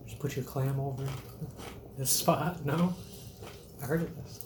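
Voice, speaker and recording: A laid-back man hosts a loose, joking chat full of casual profanity. His mid-pitched voice rings in a roomy space, with a faint hiss underneath. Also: measured pace.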